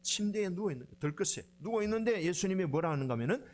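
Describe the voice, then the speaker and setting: A man's voice: sits high, fast talker. A middle-aged man preaching a sermon as pastor, telling stories and acting out quoted lines. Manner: animated storytelling, acts out quoted lines with dialect.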